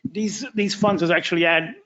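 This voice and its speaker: A man joining a casual meeting discussion, talking fast and enthusiastically with stumbles. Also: high voice, steady tone, sharp tone, dull audio, a little hiss or hum. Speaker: meeting participant.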